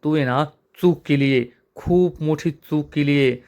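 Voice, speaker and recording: A man's voice: unhurried, a little mellow, dull audio, natural voice. A man voicing a spiteful young woman who taunts and scolds a rival. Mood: taunting. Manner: taunting, shrill reproach.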